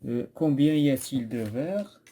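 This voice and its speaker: A man's voice: medium pitch, animated, a little slow, dark tone. A man with a Moroccan accent, teaching a poetry lesson and patiently repeating and correcting a pupil's answers.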